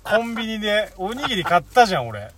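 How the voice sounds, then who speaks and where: A man co-hosting a comedy talk show, trading quick playful retorts in casual banter while sitting in a car. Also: high-pitched, very animated, slight background noise. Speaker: comedy duo member, co-host. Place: inside a car.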